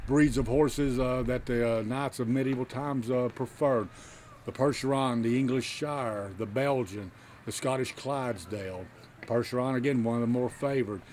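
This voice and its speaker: A man speaking as a jousting knight in an informal on-site interview, explaining things deliberately. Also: medium pitch, a little mellow. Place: outdoors at a fair, near horses. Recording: faint outdoor background noise.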